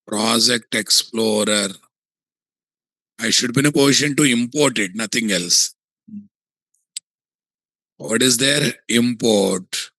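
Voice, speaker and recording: A man with a Telugu Indian English accent giving a software tutorial, thinking aloud and often asking questions that he answers himself. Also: mid-range voice, slow, long pauses, dry recording, low-quality recording. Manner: asks and answers his own checking questions.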